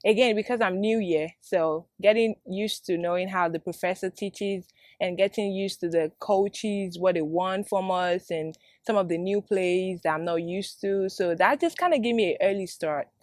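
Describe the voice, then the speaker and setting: A woman's voice: mid-range voice, normal speed, few pauses, dry recording, clean studio sound. A young woman from Nigeria, a student athlete talking steadily and linking thoughts with "so". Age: young adult. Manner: steady, repeating "so". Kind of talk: casual testimonial.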